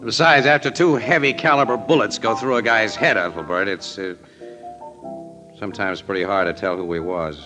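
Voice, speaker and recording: An actor playing a brash, wisecracking newspaper crime photographer in 1940s radio drama, with slangy, brisk delivery. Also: male voice, lowish voice, lightly acted. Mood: wry, determined. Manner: slangy, brisk, urgent talk. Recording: old radio show with music.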